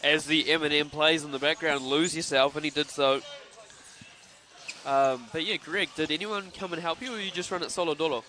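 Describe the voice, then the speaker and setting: A man's voice: a little high, a little fast, a little hiss or hum. A man with a New Zealand accent doing live courtside basketball commentary, joking and bantering with his co-host. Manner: joking, excitable play-by-play.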